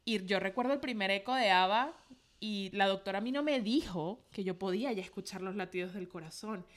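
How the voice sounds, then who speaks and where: A woman's voice: medium pitch, a little fast. A woman in her thirties, a podcast guest, retelling events emotionally and acting out her own thoughts in quotes. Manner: emotional, animated retelling with quoted self-talk. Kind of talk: casual storytelling.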